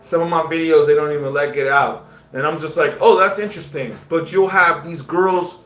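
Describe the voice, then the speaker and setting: A man's voice: a little high, steady tone, moderate pace, fairly bright tone. A man live-streaming casual commentary, talking in slang straight to his viewers. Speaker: livestreamer. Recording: roomy echo with faint music.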